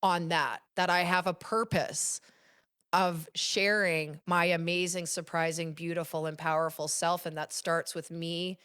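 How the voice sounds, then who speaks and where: A woman, a coach and children's author, talking in a casual, expressive way, often laughing and getting emotional. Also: on the low side, a little slow, smooth. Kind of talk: casual conversational interview.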